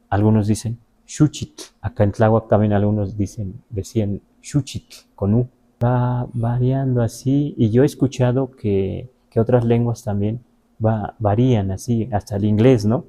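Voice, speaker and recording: A man from the Huasteca region of Veracruz, Mexico, whose first language is Nahuatl, speaks with a Mexican Spanish accent. He gives an explanatory question-and-answer lesson, teaching patiently and conversationally and checking in with his listeners. His voice is fairly low with a dark tone.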